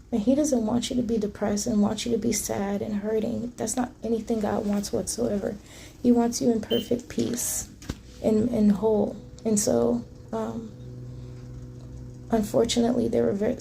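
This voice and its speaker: A woman vlogger with a fairly high yet very mellow voice speaks earnestly and confidingly to her viewers. Her tone is relaxed and smooth of edge, with little creak, and there is faint noise behind her casual talk. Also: poor audio.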